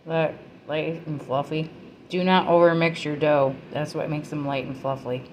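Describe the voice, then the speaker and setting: Woman home-cook vlogger, deep voice, easy and chatty, slight room noise. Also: moderate pace. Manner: chatty, relaxed, talks while tasting. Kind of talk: casual cooking vlog. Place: home kitchen.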